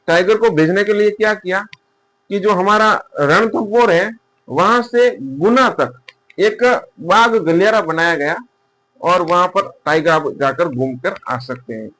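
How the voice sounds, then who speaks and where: Guy doing a casual exam prep lesson, kinda high voice, asks stuff then answers it, repeats words slow while writing. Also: a bit bright. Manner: repeats key terms slowly while writing, asks and answers his own questions. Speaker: exam coaching teacher. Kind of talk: casual classroom-style lecture.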